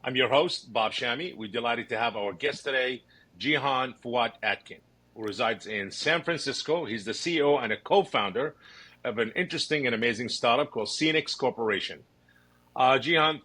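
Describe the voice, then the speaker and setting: A man hosts a podcast with a bright, forceful tone. He is chatty and piles question onto question as he brings his guest in. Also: medium pitch. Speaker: podcast host. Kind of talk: interview hosting.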